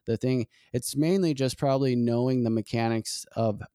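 A podcast host speaks in a warm, smooth voice. He gropes for words with frequent pauses and restarts, reflecting as he talks. The sound is close and dry. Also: medium pitch, dry recording. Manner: halting, reflective, many fillers and restarts. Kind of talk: casual conversation.

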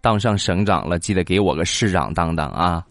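Low deep guy, comic storytelling, does kids' voices, dry mic, soft music behind. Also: lively intonation, fairly quick, vocal fry, dry recording. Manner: puts on kids' voices in quotes. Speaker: comedic storyteller. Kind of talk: comic monologue of kids' anecdotes.

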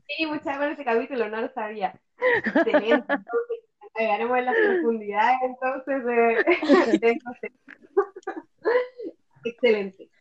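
A woman from Chile opens and runs a community podcast, chatty and easygoing. Her voice sits a little high. The recording is muffled and lo-fi. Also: sing-song, slow, pauses often, crowd noise. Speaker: podcast host. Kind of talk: casual podcast hosting.

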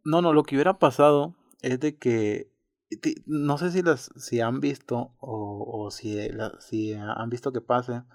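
A man with a Mexican Spanish accent in casual, slangy conversation, talking in animated bursts full of restarts. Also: medium pitch, dry recording, studio quality. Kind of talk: casual chat.

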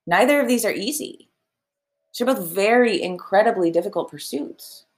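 A woman's voice: medium pitch, lively intonation, normal speed. A young woman hosting a podcast, talking in a chatty, emotional and upbeat way about the cards of the day. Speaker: podcast host. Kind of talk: casual spiritual podcast talk.

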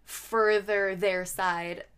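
A woman's voice: medium pitch, level tone, drawn-out words, a crowd in the background. A woman hosting a podcast, telling a case story in a chatty, casual way with lots of fillers. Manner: chatty, many likes and ums. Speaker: podcast host.

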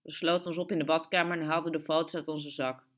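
A woman reading a story aloud in steady, measured narration. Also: low-pitched. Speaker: audiobook reader. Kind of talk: scripted narration.

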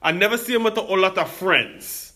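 A man's voice: high voice, fairly quick, pushed and bright, pitched above the performer's own voice. A man putting on a Jamaican accent to voice an older male barber who is blunt and preachy and repeats himself. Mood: emphatic.

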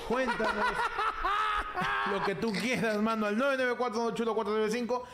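A man's voice: very high-pitched, expressive, unhurried, background noise. A Peruvian man co-hosting a casual comedy chat, talking in slang and repeating phrases for emphasis. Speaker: podcast co-host.

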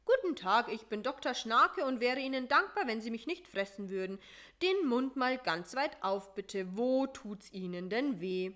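A woman voicing a slight male mosquito dentist in a storybook reading, polite and fussy, with a brisk bedside manner and a voice raised a little above her own. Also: fairly high pitch, lively intonation, fairly bright tone. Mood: soothing.

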